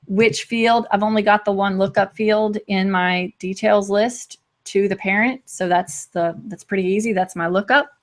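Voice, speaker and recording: A woman hosts a live screen-share walkthrough of software, speaking quickly in a casual, chatty way. She often breaks off and restarts sentences and laughs lightly as she moves between points. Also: medium pitch, fairly even intonation. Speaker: host demonstrating software.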